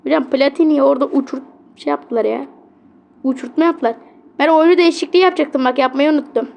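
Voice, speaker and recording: A high-pitched woman narrating her own football match as she plays. Her voice has a gravelly fry running through it, and she swings from muttering complaints at the game to loud outbursts on big plays, then turns to her viewers with sheepish apologies. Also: fast talker. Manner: excitable, grumbling at the game, yelling on big plays. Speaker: gamer. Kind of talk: gameplay commentary.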